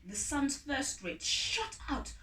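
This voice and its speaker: A woman reads a storybook expressively, with deliberate, dramatic phrasing at a very slow pace. Her high, sharp voice is very animated and rises and falls widely, and she sounds distant from the mic in an echoey room.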